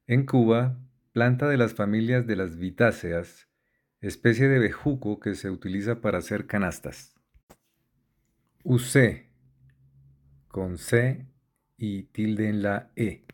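A man reading a list of words with their definitions, slowly and methodically spelling out letters and accent marks. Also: lowish voice. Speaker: word list reader. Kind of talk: slow dictionary-style reading.

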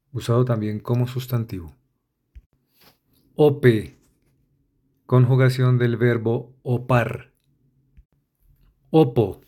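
A man reading dictionary entries aloud in a measured way, spelling out letters and listing synonyms. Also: medium pitch, warm tone.

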